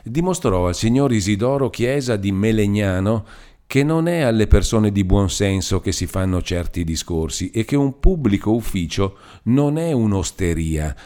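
A man narrating an audiobook chapter in an expressive, measured reading. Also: fairly low pitch. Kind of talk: scripted narration.

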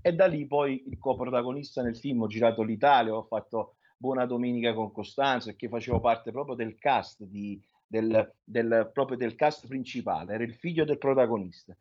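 A man's voice: mid-range voice, normal speed, few pauses, muffled recording. A man in his forties with a Neapolitan accent, chatting colloquially and telling rambling stories as a radio guest on a remote line. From Naples, Italy. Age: 40s. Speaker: singer-songwriter, radio guest. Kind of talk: casual radio interview. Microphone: remote line into radio show.

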